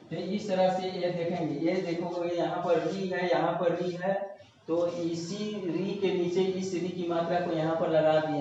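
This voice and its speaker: A male teacher explaining grammar at a whiteboard, slowly going back over each step. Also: fairly high pitch, a little mellow, slight background noise. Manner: slow, repetitive explaining. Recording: echoey room, distant mic, dull lo-fi sound.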